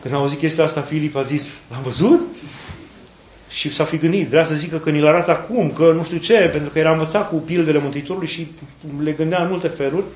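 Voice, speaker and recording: A man preaching a sermon as an Orthodox preacher, retelling scripture in a folksy, animated way with playful asides. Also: fairly high pitch. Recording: echoey room, faint background noise.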